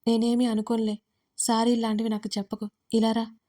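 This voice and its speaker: A gentle, affectionate young woman from an audio story, voiced by the woman who narrates it. She talks in a soft, coaxing, slightly playful way, with a higher-pitched and mellow tone. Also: monotone, normal speed, natural voice. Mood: tender.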